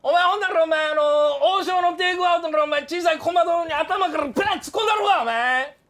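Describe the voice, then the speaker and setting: A man with a Kansai accent playing a loud, bullying middle-aged café customer who blusters and threatens in a comedy sketch. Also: very high-pitched, steady tone, very fast. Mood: threatening. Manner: blustering, threatening, keeps saying "you".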